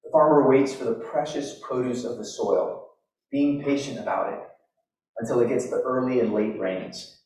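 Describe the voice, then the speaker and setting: A man's voice: mid-range voice, moderate pace. Man preaching at an echoey pulpit microphone. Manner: relaxed, conversational, with frequent restarts. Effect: speaking into a pulpit microphone. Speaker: pastor. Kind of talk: sermon. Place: large church sanctuary. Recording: very echoey hall from far off, faint noise.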